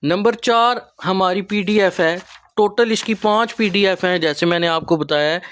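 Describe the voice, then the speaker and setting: Pakistani-accented male trainer, high voice, unhurried explainer with many pauses. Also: a bit bright, clean tone. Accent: Pakistani Urdu. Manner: explanatory, with frequent pauses and fillers. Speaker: teacher trainer and channel host. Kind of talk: explaining training material to teachers.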